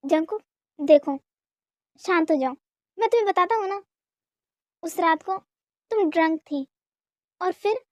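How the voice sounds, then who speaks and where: An indulgent young husband who stammers and hedges whenever he is pressed, played by a woman in an amateur fan dub. The voice sits very high for a man and is recorded dry and close. He speaks in placating, hesitant phrases. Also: lively intonation, measured pace, pauses often, no room sound.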